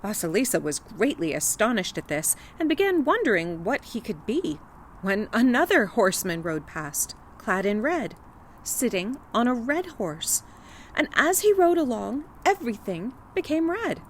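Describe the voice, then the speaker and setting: Expressive woman reading a folktale. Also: on the high side, normal speed, a little hiss or hum. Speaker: storyteller. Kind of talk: folktale read-aloud narration.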